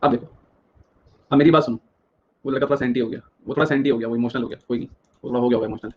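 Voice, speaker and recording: A man's voice: medium pitch, fairly even intonation, slightly rough, highs cut off. A young man teaching a live exam-prep geography class, firing questions at students and repeating each answer several times. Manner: drills questions, repeats answers rapidly, addresses students directly.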